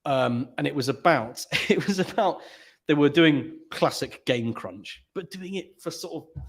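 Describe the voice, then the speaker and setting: A man's voice: a little high, expressive, measured pace. Chatty laughing British man. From Britain. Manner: laughs often, chatty and rambling storyteller. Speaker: podcast co-host. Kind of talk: casual chat.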